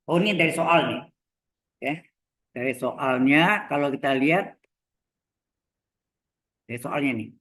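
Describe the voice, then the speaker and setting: Slow, echoey male lecturer. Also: mid-range voice, a bit bright. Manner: slow, repeats terms, asks checking questions. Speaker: university lecturer. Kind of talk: live lecture on vector calculus. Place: classroom or video class. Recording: echoey room.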